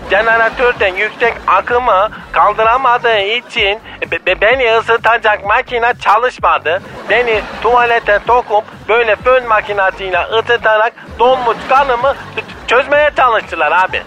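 A man's voice: very high-pitched, unhurried, hardly any pauses, bright, forceful tone, full character voice. A man playing a thawed-out frozen man who shivers and stammers, heard over a muffled phone line. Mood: shivering. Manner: stammering from cold.

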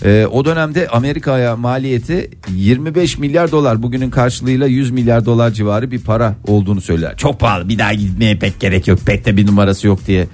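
A man's voice: medium pitch, fast talker, few pauses, darkish tone, faint music behind. A man hosting a casual, humorous talk, telling things in a rambling, colloquial way. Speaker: talk show host.

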